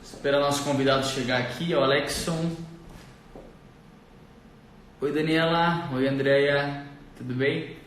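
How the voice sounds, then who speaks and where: A man's voice: on the high side, steady tone, a little slow, long pauses, a bit bright, a little hiss or hum. A man hosting a live stream, chatting casually and greeting viewers by name in an upbeat way. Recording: echoey room, far from the mic.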